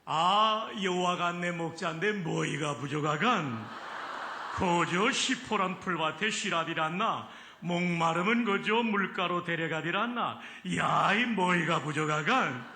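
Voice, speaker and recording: A man voicing a folksy, slow-drawling Pyongan-accented man reciting a psalm. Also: high voice, pushed and bright, roomy sound, pitched above the performer's own voice, heavily acted. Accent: Pyongan dialect.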